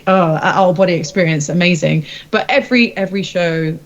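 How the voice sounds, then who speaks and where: A rock singer-songwriter chats casually in an interview, rambling informally and poking fun at herself. Her voice is fairly low and a little fast, and the recording has its highs cut off.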